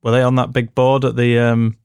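A man hosts a casual football podcast, steady and guiding as he asks questions and reads out stats. The recording is dry and close, with no room sound around him. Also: medium pitch, a little fast, smooth, no room sound. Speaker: podcast host. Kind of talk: casual sports chat.

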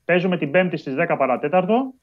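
A man's voice: fairly high pitch, lively intonation. A man reporting on national football team news as a guest on a live show. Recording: dull lo-fi call audio.

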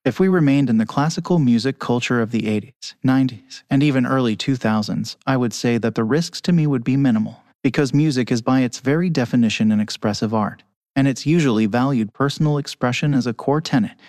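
An anonymous male conductor whose voice is electronically disguised, giving measured, articulate interview answers over a remote call. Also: medium pitch, darkish tone, no echo, studio quality. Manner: measured, articulate, argues at length. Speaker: orchestra conductor, anonymous guest. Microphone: remote call with camera off.

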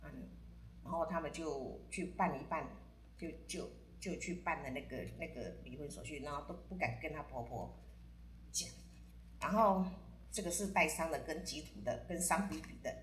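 A woman with a Taiwanese Mandarin accent, a podcast guest telling lively stories and mixing in Taiwanese Hokkien words. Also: low voice, moderate pace, reverberant, slight background noise. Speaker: guest telling stories about friends and astrology. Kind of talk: casual podcast storytelling.

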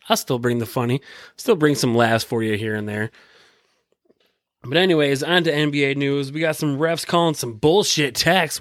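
A man's voice: fairly high pitch, no echo, studio quality. An American man hosting a solo podcast with casual, rambling sports commentary, repeating himself and swearing freely in slangy talk. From Michigan, United States. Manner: rambling and repetitive. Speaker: podcast host.

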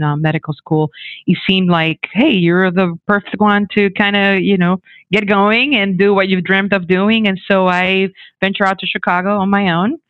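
Lively man from the Dominican Republic on a phone-like line. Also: high-pitched, smooth, dry recording. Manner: animated, many restarts and fillers. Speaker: guest, technology executive. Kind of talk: conversational interview.

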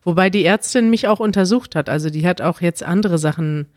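A woman's voice: lowish voice, fairly quick, darkish tone, dry recording. Woman cohost chatting casually on a podcast, laughs a lot, dead dry close mic. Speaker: podcast co-host. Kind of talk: casual chat.

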